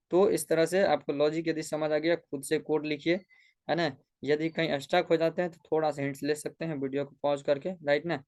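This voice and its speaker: Coding tutor, male, slightly raised pitch, chatty question-and-answer walkthrough. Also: darkish tone. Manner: asks questions back to the viewer and repeats fillers like "theek hai". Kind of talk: screen-recorded coding lesson.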